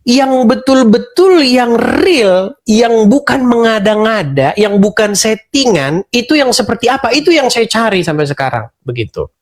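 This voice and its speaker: A man hosting an interview, speaking in a measured, skeptical way and repeating phrases for emphasis. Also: extremely high pitch, big pitch swings. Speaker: host. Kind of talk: conversational interview.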